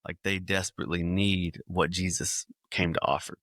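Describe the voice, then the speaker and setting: A man, a children's ministry speaker, telling lively illustrative stories in a podcast interview. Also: low voice, moderate pace, no echo, clean studio sound. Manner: animated storyteller acting out scenes.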